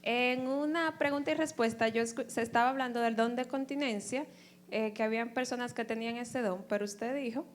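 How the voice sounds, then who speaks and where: A woman with a fairly high voice asks the pastor a question in a formal, direct way. A faint hum and noise sit behind her. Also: a little fast. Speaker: audience member asking a question.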